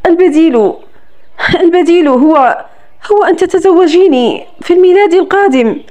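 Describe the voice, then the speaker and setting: A woman reading the lines of a young man in love, calm, earnest and possessive, in a romance audiobook. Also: very high-pitched, fast. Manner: calm, tender delivery.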